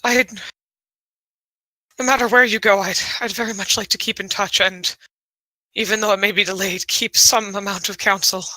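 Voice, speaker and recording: A woman voicing a shy, winged female dragon-kin who speaks haltingly, with many restarts. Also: mid-range voice, fairly even intonation, bright, forceful tone, dry recording, natural voice, rough recording. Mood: hesitant. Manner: hesitant, halting, full of restarts and ums. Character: shy female Manakete with wings. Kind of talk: in-character role-play.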